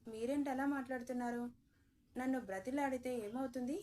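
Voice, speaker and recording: A woman's voice: sits high, fairly even intonation, brisk, dark tone, recorded from a distance, natural voice. A woman voicing a hurt, sulking young pregnant wife in a romance audio story, speaking plaintively and reproachfully. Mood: sulky.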